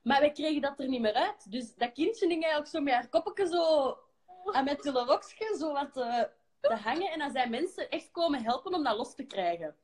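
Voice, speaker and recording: Flemish woman, young, high pitch, lively self-mocking chat, phone mic. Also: normal speed. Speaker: pop group member hosting a live stream. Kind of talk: casual chat. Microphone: phone on a live stream.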